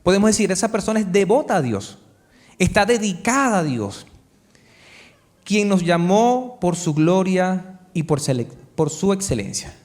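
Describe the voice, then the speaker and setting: A male pastor delivers a sermon in a church hall, his voice sitting fairly high for a man. He keeps the congregation involved with call-and-response questions and slows right down on the words he wants to land. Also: very animated, darkish tone. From Chile. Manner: call-and-response preaching, asks the congregation to answer; stretches key words slowly for emphasis.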